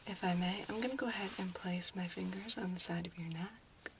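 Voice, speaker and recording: A woman playing a gentle, reassuring doctor in a soft, unhurried whispered role-play. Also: on the low side, steady tone, background noise, lightly acted. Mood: calm, attentive.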